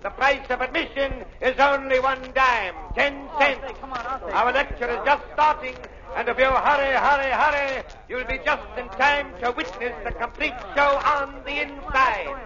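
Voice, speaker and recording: A loud waxworks barker from an old radio play, highish voice, crowd chatter behind, muffled. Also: male voice, moderate pace. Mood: hawking. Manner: loud showman patter. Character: brash male carnival barker at a waxworks.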